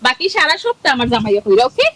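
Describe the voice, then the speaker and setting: An actress with a Sylheti accent playing a young wife who talks in an excitable, pleading way. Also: female voice, a little high, racing, noisy background. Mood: chatty. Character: young wife caught between husband and mother-in-law.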